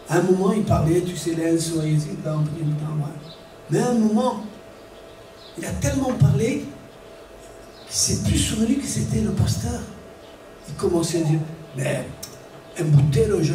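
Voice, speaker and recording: A man preaching a sermon as pastor, animated, acting out little scenes and shouting warnings. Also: high voice, a little hiss or hum. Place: church hall. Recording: echoey church room from far off, faint ambience.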